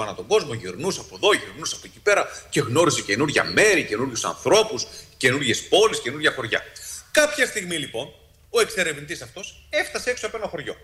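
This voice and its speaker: A man, a psychologist, telling a story to an audience in a lively way, with many restarts and sudden jumps in pitch for quoted speech.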